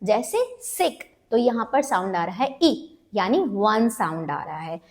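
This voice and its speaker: Teacher, woman, patient and deliberate, lively pitch, spells out each sound. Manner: slow, spells out sounds, repeats for learners; mixes Hindi with English terms. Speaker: phonics teacher. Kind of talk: step-by-step lesson.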